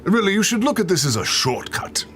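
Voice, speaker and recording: A grandiose adventurer full of his own wisdom, played by a man, with pitch that leaps all over. He talks in a theatrical, halting way over clear background music. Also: big pitch swings, a bit bright. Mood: boastful, breezy. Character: boastful, theatrical self-styled wise adventurer. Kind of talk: improvised tabletop role-play.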